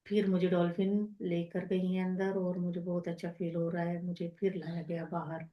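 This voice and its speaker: A woman on a video call telling her teacher, in the present tense, what she saw while meditating, speaking softly and addressing him as sir. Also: on the low side, little pitch movement, normal speed, muffled recording. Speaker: meditation participant sharing her experience. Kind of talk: personal account of a meditation vision.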